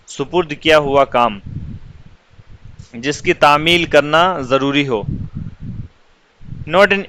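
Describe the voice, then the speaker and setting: A man with an Urdu accent runs a vocabulary lesson, reading English words slowly and repeating each meaning. His voice is bright and a touch high. A faint hiss sits under the recording. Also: poor audio. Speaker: English teacher.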